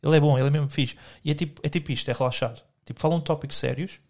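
A man's voice: on the high side, fairly even intonation, rapid-fire, darkish tone. A young man with a European Portuguese accent, co-hosting a podcast in rambling, joking casual chat full of slang. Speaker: podcast co-host.

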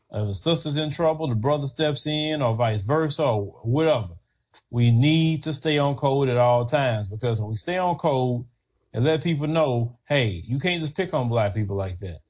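Animated, opinionated man with a high voice. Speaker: podcast host. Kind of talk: casual commentary podcast.

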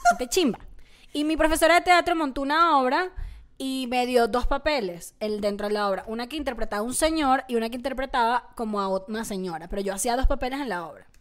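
A woman co-hosting a casual chat, telling animated stories full of slang and English words. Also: high-pitched. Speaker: podcast co-host.

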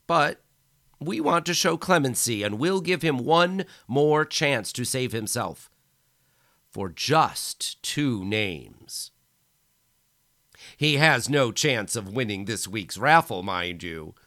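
A man voicing a cruel male tyrant who gives booming, theatrical speeches to a crowd, in an audiobook. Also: takes it slowly, no room sound, clean studio sound. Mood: bellowing.

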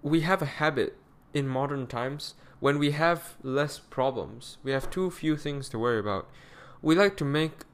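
A man talks alone into a close podcast mic at home, his voice tired and weary. He rambles, doubles back and fills pauses with "um" and "like" as he muses to his listeners. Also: on the high side. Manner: rambling, self-correcting, with frequent fillers. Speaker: podcast host. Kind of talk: solo podcast monologue.

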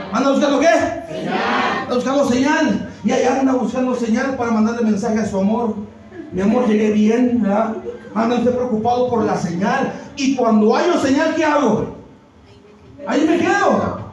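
High-voiced pastor, booming hall. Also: male voice, recorded from a distance. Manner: preaches with call-and-response questions, often shouting. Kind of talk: sermon. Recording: heavy echo of a church hall.

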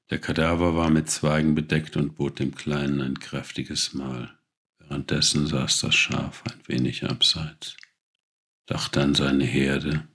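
A man narrating a storybook fable in a slow, deliberate reading voice that is gravelly and husky. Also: a bass voice, fairly bright tone.

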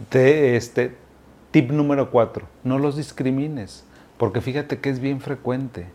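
A man's voice: medium pitch, takes it slowly. A man, a mental health specialist, giving casual advice straight to the listener. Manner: warm direct second-person advice, with Mexican slang. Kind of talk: informal advice talk.

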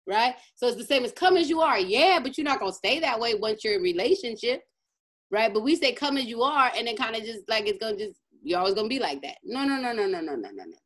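A woman's voice: a little high, lively intonation, fast, fairly bright tone. A woman pastor leading an online teaching and prayer, emphatic and fervent, often checking in with her listeners. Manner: emphatic, keeps asking "right?", fervent in prayer. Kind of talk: informal teaching then spoken prayer.

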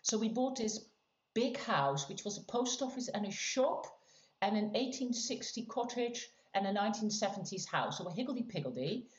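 A middle-aged woman chats as a podcast guest, animated and quick to laugh. Her pitch swings widely as she tells a story. The recording is roomy and a little muffled. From Netherlands. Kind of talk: casual storytelling chat. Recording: roomy, slightly dull sound.

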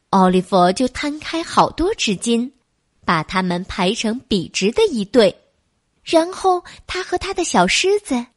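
A woman reads a bedtime story to a little child, softly coaxing and calling the listener baby. Her voice sits high and swoops up and down in a lively sing-song. The sound is dry and close. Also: no echo.

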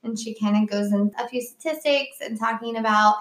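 A woman's voice: on the high side, fairly quick, fairly bright tone. Chatty woman podcast co-host, roomy sound. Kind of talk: casual podcast chat. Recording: roomy echo.

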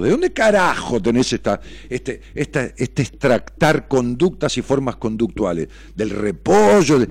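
A man's voice: mid-range voice, darkish tone, no echo. A man with an Argentine accent, a therapist hosting a radio talk show, who talks in a heated way, fires rhetorical questions and swears freely. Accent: Argentine Spanish.

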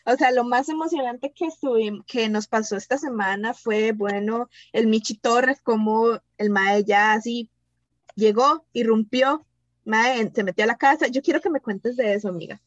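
A woman's voice: fairly high pitch, normal speed, dry recording. Laid-back woman, dull dry audio. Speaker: podcast co-host. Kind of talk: casual chat.

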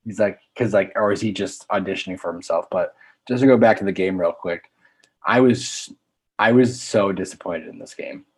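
Husky low-voiced man chatting sports. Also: moderate pace. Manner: easygoing, hesitant with ums. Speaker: podcast co-host. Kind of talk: casual sports chat.

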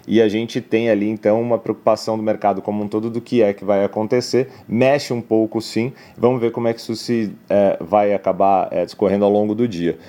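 Low, mellow-voiced male market analyst. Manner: explanatory, many filler "né" tags. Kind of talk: financial news commentary.

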